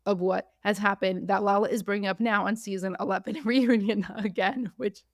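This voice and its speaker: A woman hosting a podcast, recapping in casual chat, animated, acting out what others said. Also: mid-range voice, moderate pace, no room sound, studio quality. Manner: animated, acts out quotes, frequent "like". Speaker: podcast host.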